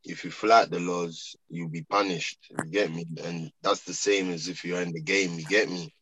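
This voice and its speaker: A man with a London accent and a raspy, forceful voice, chatting casually in streetwise slang with frequent tag questions. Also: sits low, steady tone, normal speed, a little hiss or hum, low-quality recording. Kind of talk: casual chat.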